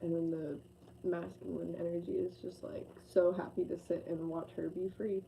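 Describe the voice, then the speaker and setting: A woman's voice: lowish voice, level tone, moderate pace, gravelly, dark tone, slight background noise, poor audio. Chatty woman in her late twenties reading tarot. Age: late 20s. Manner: chatty and effusive, sentimental. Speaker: tarot reader. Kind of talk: casual tarot reading to camera.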